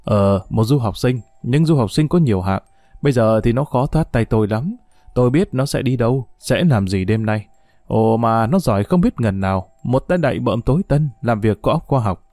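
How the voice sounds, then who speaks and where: A man voicing a sharp, intense young male detective who talks urgently and confidently. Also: mid-range voice, lively intonation, normal speed, no echo, natural voice. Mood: scheming.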